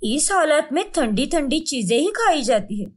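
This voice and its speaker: A woman's voice: sits high, big pitch swings, normal speed. A woman voicing a sly, complaining young daughter-in-law in a cartoon story. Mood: coaxing. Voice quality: whiny, sarcastic.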